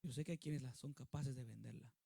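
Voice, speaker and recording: A man's voice: mid-range voice, brisk, vocal fry, warm tone, no echo, studio quality. A male pastor preaching a sermon with emphasis, often putting questions to the congregation.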